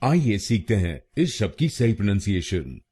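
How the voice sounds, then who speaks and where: A man giving a scripted pronunciation tutorial, slowly repeating syllables as he drills each one. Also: fairly low pitch, sing-song, mellow, husky. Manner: slow, drilling repetition of syllables. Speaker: pronunciation teacher.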